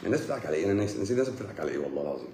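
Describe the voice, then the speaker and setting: A man's voice: low-pitched, very animated, rapid-fire, mellow, reverberant, slight background noise. A man with an Egyptian accent giving a casual medical talk, joking and teasing as he explains. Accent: Egyptian Arabic. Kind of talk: joking live lecture.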